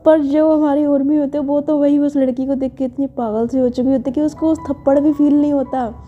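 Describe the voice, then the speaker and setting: A woman's voice: high voice, little pitch movement, brisk. A woman narrating a love story in a chatty, casual way, full of fillers. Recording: dull lo-fi with faint music.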